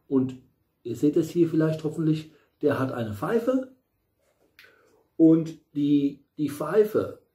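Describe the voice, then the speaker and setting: A middle-aged man with a highish, dark-toned voice gives a casual tarot reading at home, in a small room in front of a bright window. He rambles, with many fillers and restarts and the occasional blunt aside.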